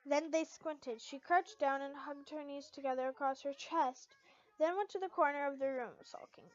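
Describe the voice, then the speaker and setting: A young woman with a high, steady voice narrates fan fiction expressively in the first person at a normal pace, then chats casually with her channel's followers in a vlog-style outro. It's a dull, lo-fi home recording.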